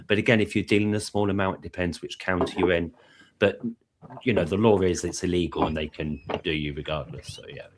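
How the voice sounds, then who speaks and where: A man's voice: low-pitched, steady tone, brisk, background noise. A British man in casual live-stream chat, explaining at length with many fillers and restarts. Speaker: panel guest.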